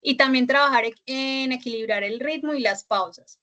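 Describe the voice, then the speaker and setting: A woman's voice: high voice, moderate pace, sharp tone. A woman instructor giving an online class lecture, explaining step by step with many "eh" fillers and a questioning "¿cierto?" after her points.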